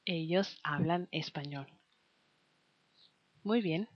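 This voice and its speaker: A woman teaching a scripted language lesson, slowly and patiently quizzing the listener and pausing for answers. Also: low-pitched, no echo. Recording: dull lo-fi, dry recording.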